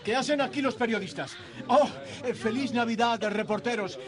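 A man's voice: very high voice, normal speed, crowd noise. An actor voicing a desperate young husband and father in a dubbed film drama, pleading and breathless. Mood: elated. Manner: pleading, breathless and excited delivery.

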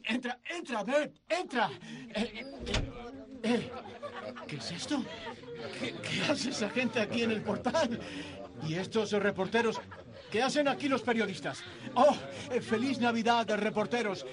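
A man's voice: very high-pitched, a little slow, long pauses, a crowd in the background. An actor dubbing a desperate young husband and father who cries out and calls names over and over, in film dialogue. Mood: overjoyed.

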